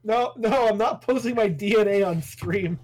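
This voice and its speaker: Stammering guy with quick retorts. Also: sits high, darkish tone. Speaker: stream guest friend. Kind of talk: casual stream banter.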